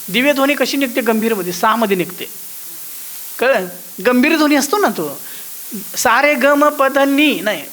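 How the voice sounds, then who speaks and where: A man's voice: very high voice, a bit bright, a little hiss or hum, poor audio. A man with a thin voice teaching a devotional course, often asking his listeners whether they follow and singing out the musical notes as he explains them.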